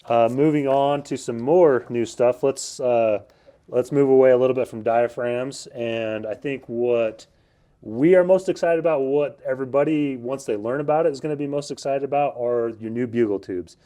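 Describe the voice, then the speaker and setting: A man's voice: mid-range voice, moderate pace, warm tone. A man interviewing a guest casually, agreeable and informal, with enthusiastic wording as he guides the conversation.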